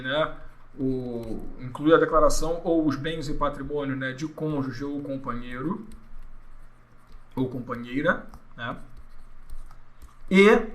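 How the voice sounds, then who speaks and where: A Brazilian man teaches an exam-prep law class in a casual, joking way, slipping into little acted-out bits of dialogue. His voice sits fairly high for a man. The sound rings around a roomy, echoey space. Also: fairly bright tone. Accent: Brazilian Portuguese. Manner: joking, chatty, acts out quoted people. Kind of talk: informal recorded lesson.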